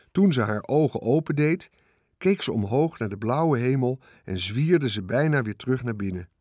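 Clean studio audio with no room sound carries a man narrating a children's story, his voice expressive and swinging in pitch with the action.

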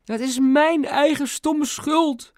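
A man's voice: high-pitched, lively intonation, normal speed, no echo, studio quality, voice pushed up. A man voicing a middle-aged mother who is loving and distraught, speaking in a tearful, pleading way.

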